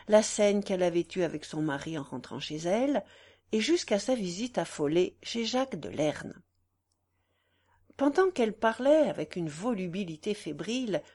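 A woman's voice: medium pitch, darkish tone. A woman narrating a classic novel as an audiobook, reading expressively and dramatically.

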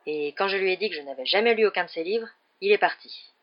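A woman voicing a jovial male half-giant gamekeeper in a storybook reading, hearty and loud, with a dull lo-fi sound. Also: mid-range voice, lively intonation, quick pace, lightly acted. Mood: teasing.

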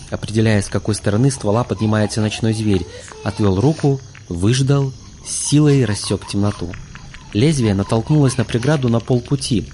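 A man reading a fantasy audiobook aloud in steady scripted narration. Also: medium pitch, slight background noise.

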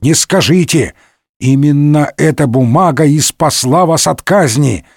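A man voicing a sly older male musketeer who speaks calmly and mockingly. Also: a little high, measured pace, no room sound, clean studio sound. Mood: insistent. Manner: calm, mocking.

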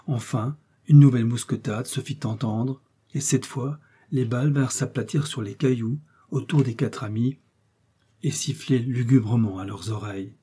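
A man narrating a classic novel as an audiobook in a steady, even storytelling manner. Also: medium pitch, normal speed, husky.

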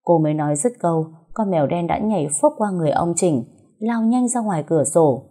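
A woman narrating a dramatic folk story in a calm, measured storytelling voice. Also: lowish voice.

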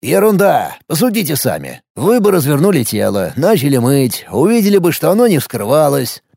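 A man's voice: a little high, huge pitch swings, moderate pace, vocal fry, darkish tone, slightly rough, no echo, clean studio sound, full character voice. A man voicing a tired, matter-of-fact male police officer who waves things off. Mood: dismissive. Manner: dismissive, tired.

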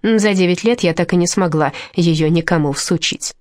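A woman's voice: lowish voice, normal speed, darkish tone, dry recording, clean studio sound, close to an everyday voice. A woman voicing a bossy, nervous orphanage matron who barks and scolds in an audiobook. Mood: fawning. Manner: barking, scolding.

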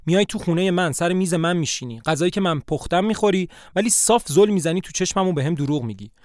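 A man voicing an angry, hurt middle-aged mother who reproaches her daughter in fast, rising sentences, in a story reading of a play. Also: sits high, lively intonation, no room sound, clean studio sound, pitched above the performer's own voice. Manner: reproachful, rapid.

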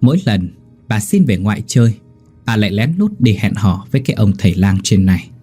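Low, husky storyteller. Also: male voice, sing-song, brisk, warm tone, soft background music. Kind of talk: scripted horror narration.

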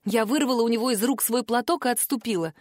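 A woman narrating a first-person audiobook in an expressive storytelling manner, close to the mic. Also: fairly high pitch, fast talker, dry recording.

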